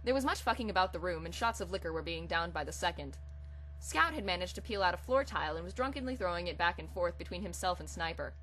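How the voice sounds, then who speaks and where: With a fairly low, slightly bright voice, a woman introduces a comic fan fiction reading casually before shifting into dramatic storytelling as she reads it aloud. The low-quality recording carries audible hum and hiss.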